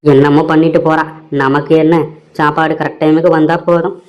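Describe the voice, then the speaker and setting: A man's voice: on the high side, little pitch movement, fairly quick, a little mellow, highs cut off, close to an everyday voice. Cartoon comedy: a man playing a middle-aged father with a Tamil accent, wry and easygoing, muttering asides.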